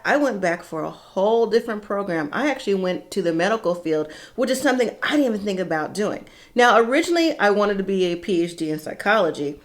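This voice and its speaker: The speaker is a middle-aged woman with a mid-range voice sharing a personal anecdote. She keeps it casual, frank and chatty, pausing dramatically along the way.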